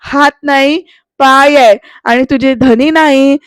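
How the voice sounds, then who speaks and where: Boastful elder brother, read by a woman narrator, loud and high, dry sound. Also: steady tone, slow, no echo. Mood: commanding. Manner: boastful, commanding. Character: proud stubborn elder brother, head of house.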